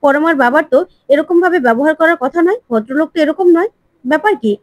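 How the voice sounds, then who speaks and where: A woman's voice: high-pitched, lively intonation, quick pace, no room sound. A woman voicing an earnest, puzzled young husband. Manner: puzzled questioning.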